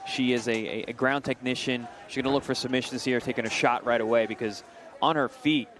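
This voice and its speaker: A man's voice: mid-range voice, steady tone, a little fast, noisy background. A man giving conversational, technical fight analysis as a live commentator. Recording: music behind the commentary.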